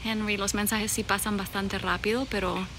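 A woman's voice: medium pitch, level tone, moderate pace, music in the background. A woman in her thirties from Bolivia, chatting casually on a live stream while walking through a garden and greeting viewers with a phone at arm's length. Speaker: vlogger hosting a live stream. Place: outdoor garden with birds. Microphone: phone held at arm's length. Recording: noisy outdoor phone recording. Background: birds and outdoor ambience.

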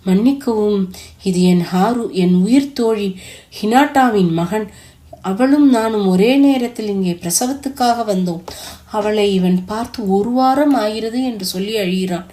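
A woman's voice: mid-range voice, unhurried, warm tone, natural voice. A woman voicing an anxious young mother in a hospital, asking worried questions in a weak voice.

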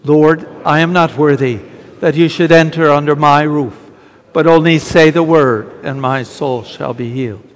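A man leading the liturgical prayers of a Mass in a slow, measured intoning voice. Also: a little high. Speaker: priest celebrating Mass. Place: large church with long reverb. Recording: reverberant church hall.

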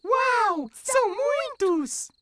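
An actor voicing a small, excitable cartoon boy playing a scary tiny monster in a high childlike voice. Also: takes it slowly, heavy background noise. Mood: excited, playful.

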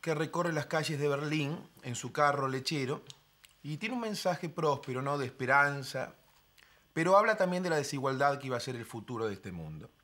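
An actor playing a pompous, highbrow man, lecturing others on an art film. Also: lively intonation, moderate pace, sharp tone, a little hiss or hum. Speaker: sitcom character. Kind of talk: sitcom acting.

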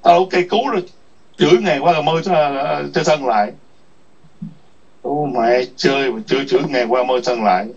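Male chat host, husky, crude scolding rant, distant lo-fi sound. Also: mid-range voice, a little fast. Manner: foul-mouthed, scolding, repetitive taunts. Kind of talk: ranting livestream chat. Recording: distant muffled lo-fi mic.

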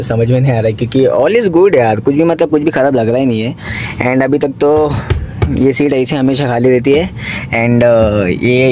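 A man's voice: mid-range voice, a little mellow. A young man, chatting casually to his camera as a vlogger, rambling with many fillers and repeats, filmed on a phone in a parked car. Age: young adult. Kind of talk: casual vlog talk to camera. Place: inside a parked small car, daytime. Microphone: phone camera at arm's length. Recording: noisy phone video in a car.

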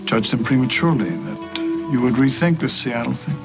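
A man's voice: medium pitch, lively intonation, moderate pace, creaky, over music. A hesitant father making amends. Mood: earnest. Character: protective middle-aged father making amends. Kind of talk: daytime soap acting.

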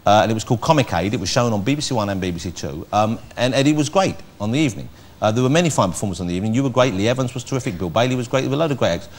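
Animated, teasing London talk show host. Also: male voice, lowish voice, racing, few pauses. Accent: London English. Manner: teasing, animated, laughs often. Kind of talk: chat show interview. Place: TV studio with live audience. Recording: loud studio audience and noise.

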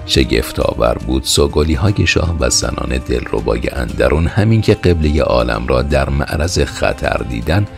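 Deep-voiced male narrator with a gravelly rasp, for steady historical audiobook reading. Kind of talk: scripted narration of a historical novel.

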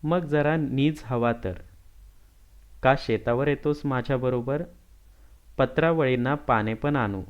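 A man voicing a strict village father with a quick temper who questions his son sharply. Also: mid-range voice, smooth, highs cut off, natural voice. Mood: gentle.

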